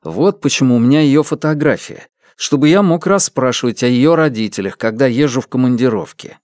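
A man's voice: mid-range voice, fairly quick, a little mellow, no room sound, studio quality, lightly acted. A man voicing a determined male photographer who talks in an urgent, coaxing way in an audiobook. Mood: explaining.

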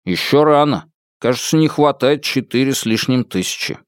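A young roommate who grumbles his answers in a low mutter, as a man reads him. The voice stays near the reader's own, close and dry. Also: expressive, normal speed, dry recording, close to an everyday voice. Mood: grumbling.

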